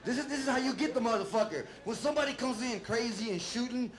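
A middle-aged man doing a loud, profane, rambling stand-up set on a club stage, shouting his punchlines. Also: very high voice, quick pace. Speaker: stand-up comedian. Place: comedy club stage with a laughing audience. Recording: echoey live room, loud crowd noise.

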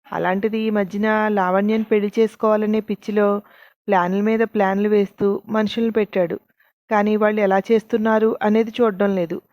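A woman's voice: mid-range voice, darkish tone, no room sound, lightly acted. A woman voicing an earnest, respectful male worker telling an officer what he knows, in a told story. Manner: explaining earnestly, addressing "madam".

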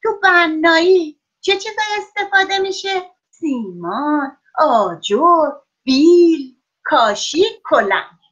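A woman teaching a class of young children over a video call, praising them often and drawing out words slowly so they can write them down. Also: very high-pitched, fairly bright tone, lo-fi sound. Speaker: primary school teacher.

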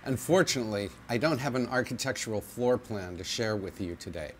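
A middle-aged home vlogger gives a camera tour of his large old house with high-ceilinged rooms. His lowish voice is animated and fairly quick, with a slight hiss or hum in the audio. He chats casually in a friendly tour-guide manner.

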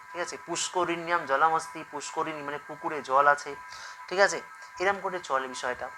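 A man's voice: on the high side, sharp tone, poor audio. A man teaching a spoken-language lesson, explaining each form step by step and repeating it. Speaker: Sanskrit teacher.

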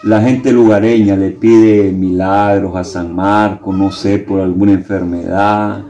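A middle-aged man asks questions in an informal interview. His voice is slightly low with a warm, dark tone. He hesitates and rephrases as he goes. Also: flat delivery, a little slow, echoey room, dull audio, faint music behind. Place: small brick room at home.

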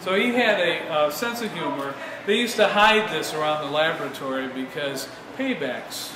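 A man guiding a museum tour indoors, speaking conversationally with fillers and pauses. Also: fairly high pitch, lively intonation, background noise. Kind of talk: guided tour talk. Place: historic laboratory building, indoors. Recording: echoey room with a crowd around.

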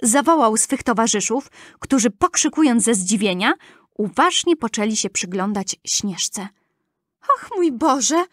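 Gentle woman reading a children's fairy tale. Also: on the high side, animated, moderate pace, no room sound, studio quality. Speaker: storyteller. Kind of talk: scripted fairy-tale narration.

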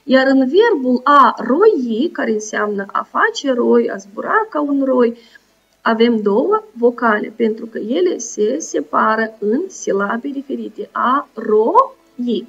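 Woman teacher spelling out syllables slowly. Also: on the high side, expressive, slightly rough, recorded from a distance. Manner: slow, careful spelling out of sounds and syllables. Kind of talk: recorded school lesson. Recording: dull lo-fi sound, voice set back, soft music. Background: soft background music.

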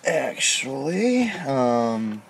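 Speaking slowly in a sing-song, mid-range voice, a middle-aged vlogger airs his complaints to a dashboard camera from his parked car at night. He sounds aggrieved and indignant, leaning hard on each gripe, with slight background noise behind him.

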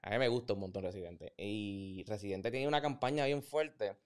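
A man hosting a podcast interview, talking in an animated, opinionated way and mixing in English words. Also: on the low side, moderate pace. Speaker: podcast host. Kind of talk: casual interview.

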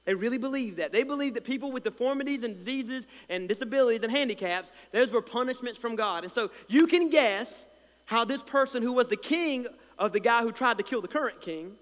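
A male pastor preaching a sermon with a slight lisp, swinging from loud passionate swells to quiet, soft asides and repeating words as he builds. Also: very high-pitched, animated, fairly quick, in a large hall. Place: church sanctuary.

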